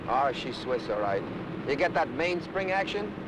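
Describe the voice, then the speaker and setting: An actor playing a cocky, playful young drifter in a 1960s TV drama. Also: male voice, medium pitch, sing-song, moderate pace, lightly acted. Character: cocky young male drifter, girl-chasing. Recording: hissy old TV soundtrack.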